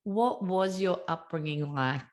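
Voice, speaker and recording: A woman with an Australian accent and a hoarse, croaky, husky voice, hosting a podcast with introductions and interview questions. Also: fairly low pitch, unhurried, a little mellow. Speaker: podcast host.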